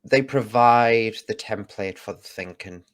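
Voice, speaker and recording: A man's voice: lowish voice, measured pace. A man from the UK, a guest in a casual conversation, explaining his views and thinking aloud with restarts. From United Kingdom.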